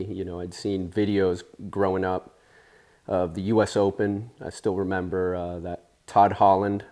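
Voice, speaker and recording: A man in his forties, raised in Spain, telling stories in a relaxed interview with plenty of fillers and restarts. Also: sits low. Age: 40s. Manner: easygoing, rambling, with many fillers. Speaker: interview guest, surfer. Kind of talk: casual storytelling interview.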